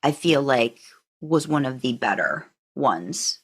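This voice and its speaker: Her voice is rumbling low, slightly rough, and expressive, and she speaks slowly. A professional narrator, she co-hosts a podcast and talks through fan opinions casually, hedging along the way.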